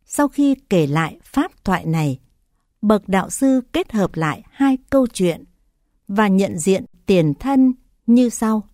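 A woman narrates Buddhist scripture tales in a calm, even reading voice. Her pace is slow and unhurried. Her tone is mellow, and the recording is dry and close. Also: mid-range voice, no room sound.

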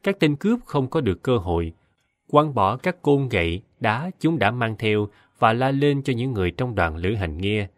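A man giving a measured, solemn scripted narration of a Buddhist scripture story. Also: mid-range voice, big pitch swings, no room sound, clean studio sound.

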